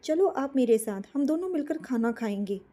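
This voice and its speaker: Woman doing a young boy, worried little brother, childlike, pleading, high voice, mellow tone. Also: animated, moderate pace. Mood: gentle.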